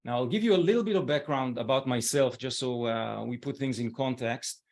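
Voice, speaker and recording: Hosting a webinar over a video call, a forties-aged Israeli man speaks fairly quickly at medium pitch. His manner is gentle and encouraging, and fillers crop up often.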